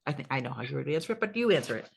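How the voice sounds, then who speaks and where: A woman hosting a podcast interview, asking searching questions with halting restarts. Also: very deep voice, sing-song, vocal fry, slightly rough. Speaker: podcast host. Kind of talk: casual interview talk.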